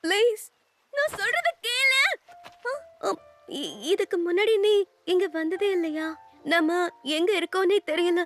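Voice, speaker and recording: A woman voicing a timid, anxious schoolgirl in a Tamil anime dub, hesitant and prone to stammering, over soft music. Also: very high voice, normal speed.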